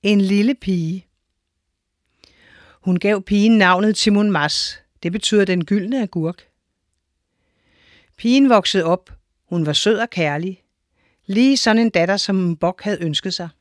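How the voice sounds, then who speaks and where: A woman narrating a children's story in a clear, measured way. Her voice sits at a middling pitch, and the recording is dry and close, with no room sound. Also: no room sound.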